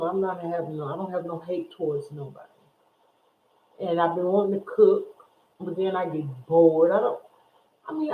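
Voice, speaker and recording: Someone in their sixties vlogs on YouTube, chatting casually to viewers in a medium-pitched voice, rambling and repeating phrases. The sound is echoey and tinny, as though over a phone line, with a little hiss or hum.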